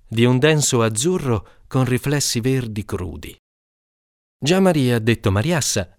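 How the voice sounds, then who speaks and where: A man reading a literary short story aloud in a measured, calm voice, lifting into high voices for the children's shouts. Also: dry recording, clean studio sound. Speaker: audiobook reader.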